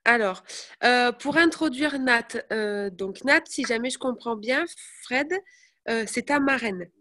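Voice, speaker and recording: A young woman chatting casually to her viewers, telling animated stories. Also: a little high, unhurried. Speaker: network marketing presenter. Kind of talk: casual live chat.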